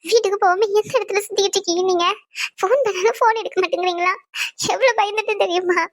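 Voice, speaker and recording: A woman's voice: very high-pitched, fairly even intonation, moderate pace, fairly bright tone. A woman voicing a frightened, tearful young wife pleading with her husband.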